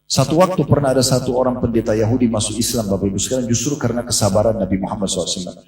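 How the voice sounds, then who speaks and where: A man's voice: lowish voice, racing, a little mellow, a little hiss or hum. A man preaching a sermon in a mosque, telling a story and acting out the voices in it. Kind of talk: sermon to a congregation. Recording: echoey room from a distance.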